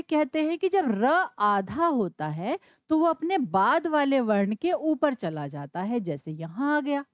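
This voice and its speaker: Slow, lively woman teacher, spelling aloud. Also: on the high side, dry recording. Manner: spells words out slowly letter by letter, asking and answering her own questions. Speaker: Sanskrit teacher. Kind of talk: classroom explanation.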